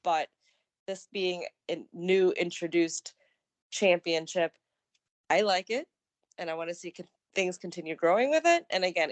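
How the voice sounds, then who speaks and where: A woman with a lowish voice co-hosts a casual recap show. She chats in an upbeat, loose way, full of "um" and restarts. The sound is dry and close, with no room echo. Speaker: co-host of a wrestling news show.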